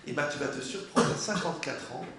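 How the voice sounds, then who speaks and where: A man giving a religious class, animated and humorous, asking his listeners rhetorical questions. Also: fairly high pitch, a little fast. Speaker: Torah teacher. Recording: very echoey room, faint noise.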